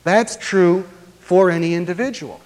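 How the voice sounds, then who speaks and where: Measured male lecturer in an echoing hall. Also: sits high, darkish tone. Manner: measured, deliberate explaining with frequent "uh" pauses. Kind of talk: academic lecture. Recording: long reverb of a lecture hall.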